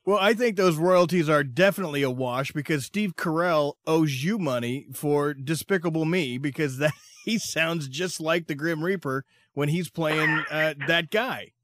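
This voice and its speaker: A male radio host with a slightly high voice chats with enthusiasm and jokes. He sounds dry and close, with no room around him. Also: normal speed, hardly any pauses, a bit bright, no echo. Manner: enthusiastic, jokey, laughs often. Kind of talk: casual interview chat.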